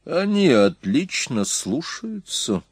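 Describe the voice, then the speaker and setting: A man's voice: mid-range voice, sing-song, slow, husky, no room sound, studio quality, pitched above the performer's own voice, exaggerated voice. A man voicing a proud, defiant male bard who speaks with cold scorn in an audiobook. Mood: cold defiance.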